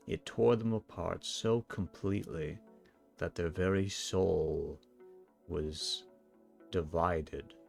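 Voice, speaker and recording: A man playing a calm, wistful ancient sun champion, speaking slowly and solemnly in a live role-play. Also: deep voice, creaky, exaggerated voice. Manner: slow, reflective, solemn storytelling.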